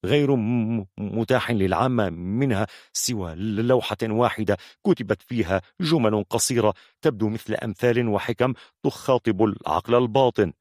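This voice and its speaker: A man's voice: on the low side, moderate pace, darkish tone, no room sound, clean studio sound, lightly acted. A man voicing a nervous male storyteller of hidden lore who stammers heavily on his first sounds. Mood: nervous, secretive. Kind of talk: audiobook character voice.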